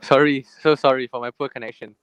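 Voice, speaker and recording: A young man with a Malaysian accent, a law student speaking on an online panel over an unstable call that cuts out and jumps in loudness. He talks in a halting, apologetic way with many restarts. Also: mid-range voice, steady tone, clean tone, low-quality recording. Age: young adult. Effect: unstable online call audio that cuts out and jumps in loudness. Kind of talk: casual online panel talk. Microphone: video call, camera off.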